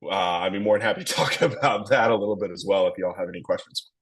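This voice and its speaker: Rambling man, low voice. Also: fast talker, husky. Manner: rambling, enthusiastic, lots of fillers. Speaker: distillery blender presenting a tasting. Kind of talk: casual tasting talk.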